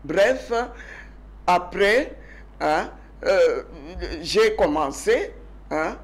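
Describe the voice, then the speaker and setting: An older woman recounts her life as a guest on a TV interview. Her delivery is emphatic and animated in places and sinks to quiet, almost murmured phrases in others. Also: lowish voice, drawn-out words. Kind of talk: TV interview storytelling.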